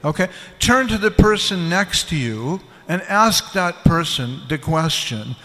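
A man giving a lecture to an audience, speaking slowly and deliberately and putting questions to them. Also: fairly high pitch, very animated, sharp tone. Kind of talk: lecture with consecutive interpreting. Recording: hall with long reverb.

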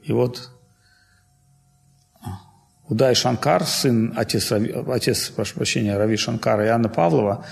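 A man's voice: mid-range voice, normal speed, gravelly, long pauses, darkish tone. A man giving an informal spiritual lecture, talking loosely and digressively with many fillers and self-corrections.

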